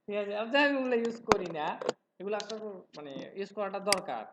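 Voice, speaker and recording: A man from Noakhali in Bangladesh with traces of a regional Bangladeshi Bengali accent, teaching a live software class, talking fast and checking in with his students. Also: high voice, lively intonation. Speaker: software instructor. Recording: roomy, dull lo-fi sound with faint noise.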